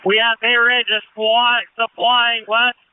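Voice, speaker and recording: A man's voice: very high voice, monotone, slow pace, clean tone. A man working as a firefighter, giving terse, commanding messages over a two-way radio. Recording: tinny, dry narrow-band two-way radio.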